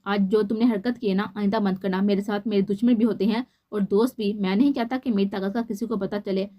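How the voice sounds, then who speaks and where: A woman's voice: medium pitch, fairly even intonation, a little fast, natural voice. A woman reading the lines of a stern, possessive young husband in a storybook novel, harsh and scolding. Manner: harsh, scolding, then softly coaxing.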